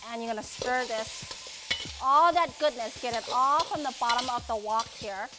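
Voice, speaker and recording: A cooking show host in her thirties talks through each step in a friendly, unhurried way as she works in a large indoor home kitchen. Her voice sits on the high side and is picked up by a lapel mic over a noisy background of music and frying sizzle.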